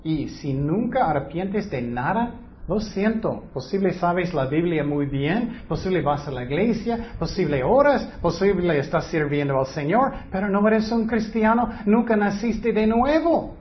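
Slow, high-voiced male preacher. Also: expressive, highs cut off, a little hiss or hum. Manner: earnest teaching with rhetorical questions. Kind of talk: sermon.

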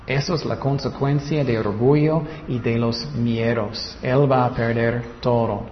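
Slow-preaching man in an echoey hall. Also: mid-range voice, fairly even intonation, a little hiss or hum. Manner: slow, deliberate preaching with rhetorical questions. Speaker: pastor. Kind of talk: sermon. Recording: muffled reverberant hall.

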